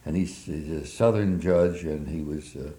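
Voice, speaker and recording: Very deep-voiced old man, halting. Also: mellow. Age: older. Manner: halting, with many fillers. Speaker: interviewee. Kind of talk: oral history recollection. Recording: roomy echo.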